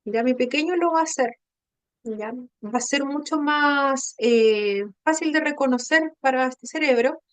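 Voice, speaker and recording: Patient teacher, dry close voice. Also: female voice, high voice, no room sound. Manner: patient, explanatory, checks in with frequent tag questions. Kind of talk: online training class.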